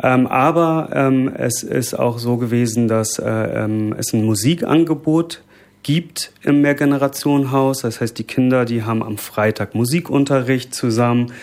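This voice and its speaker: A man's voice: mid-range voice, moderate pace, a little mellow. A man from Bremen, raised bilingual, speaking as an interview guest in a thoughtful, hesitant way with many fillers. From Germany, Bremen. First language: bilingual Lebanese Arabic and German. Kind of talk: conversational interview.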